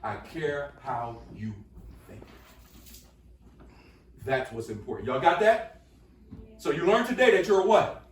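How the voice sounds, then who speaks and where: In a school classroom, a man with a slightly high, expressive voice draws answers from students through call-and-response, energetically repeating his questions. He speaks a little slowly with frequent pauses, heard from far off in an echoey room.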